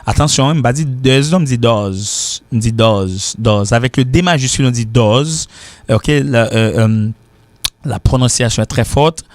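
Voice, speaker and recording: A man with a Haitian accent teaching an informal English lesson, who repeats words slowly to drill their pronunciation. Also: medium pitch, creaky, no room sound. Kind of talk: informal lesson mixing French and Creole.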